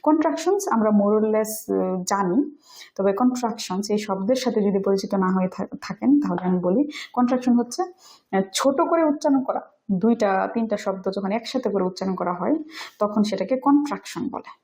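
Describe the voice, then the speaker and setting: A woman whose first language is Bengali, teaching English pronunciation in a video lesson and saying example words slowly. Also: medium pitch, animated, mellow, rough recording. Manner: explains step by step, demonstrates English words slowly.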